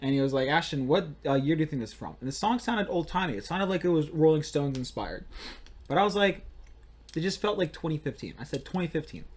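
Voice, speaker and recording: A man's voice: on the high side, expressive, fast. A young man co-hosting a casual podcast, telling rambling stories and playfully bragging. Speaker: podcast co-host.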